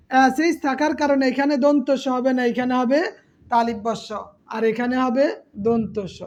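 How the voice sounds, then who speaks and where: A woman's voice: sits high, darkish tone. A woman teacher giving an exam-prep class, patiently repeating terms and quizzing her students.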